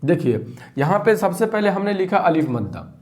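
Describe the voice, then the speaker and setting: A man's voice: high-pitched, big pitch swings, moderate pace, a little mellow. Patient male Quran reading teacher. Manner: patient, repetitive, asks and answers his own questions. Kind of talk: step-by-step lesson, spelling out syllables.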